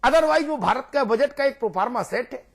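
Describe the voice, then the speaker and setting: A man's voice: extremely high pitch, lively intonation, normal speed. A man speaking as a guest on a TV news debate, emphatic and rhetorical, repeating his points for force. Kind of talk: heated TV debate argument.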